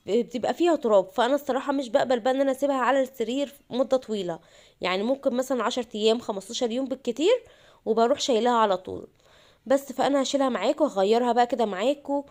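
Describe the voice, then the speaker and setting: A woman's voice: a little high, darkish tone. A young woman with an Egyptian accent, chatting to viewers while narrating a home cleaning vlog. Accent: Egyptian Arabic. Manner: chatty, addresses viewers directly. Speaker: vlogger.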